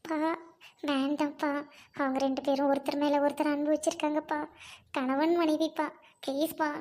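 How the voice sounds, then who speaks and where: Woman as a young daughter begging her father, very high voice. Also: a little mellow, a little hiss or hum, close to an everyday voice. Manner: pleading, begging.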